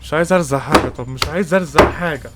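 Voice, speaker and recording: Over very noisy audio, a young gaming streamer with an Egyptian Arabic accent delivers rapid-fire commentary in a fairly high voice. He sounds frustrated as he trash-talks, cursing and mocking the opponent.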